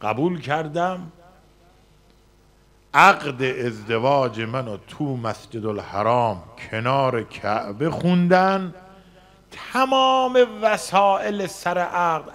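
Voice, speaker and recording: A male cleric telling a personal story in a sermon, with dramatic shifts between soft passages and loud emphasis. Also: mid-range voice. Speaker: cleric preaching. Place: religious community hall.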